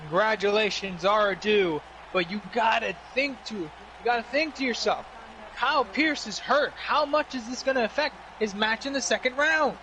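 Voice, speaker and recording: A male wrestling commentator offers color commentary in an extremely high-pitched, bright and forceful voice. There is clear noise in the background. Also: moderate pace, low-quality recording.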